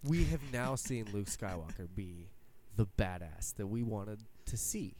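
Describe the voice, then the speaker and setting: A young man co-hosting a podcast, talking excitedly and casually, swearing and acting out quotes as he recounts a scene. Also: fairly low pitch, a little slow, slight background noise. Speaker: podcast co-host. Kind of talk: excited casual fan chat.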